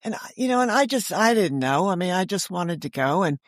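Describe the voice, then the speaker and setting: Speaking fairly quickly with lively intonation and a fairly low pitch, this woman of about seventy is an interviewee who writes books and creates audio dramas. She recounts casual anecdotes frankly, voicing what others said, in a clean, echo-free studio recording.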